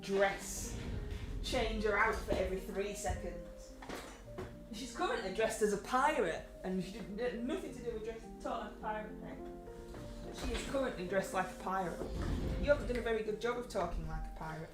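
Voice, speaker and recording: A woman's voice: mid-range voice, moderate pace. A woman co-hosting a live stream in casual chat, teasing and chatty. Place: home streaming room. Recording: roomy, distant from the mic, music behind.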